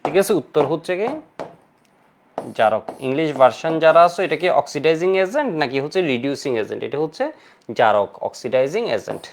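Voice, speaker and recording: A man's voice: fairly high pitch, big pitch swings, fairly quick, slight background noise. A male chemistry teacher gives a lecture, asking questions and answering them himself and mixing in English terms. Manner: mixes English terms into his speech. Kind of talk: online lecture to students.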